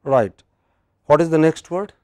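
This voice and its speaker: A man's voice: on the high side, measured pace, warm tone, dry recording. A man teaching English pronunciation in a lecture, patient, repeating phrases and checking that the class follows.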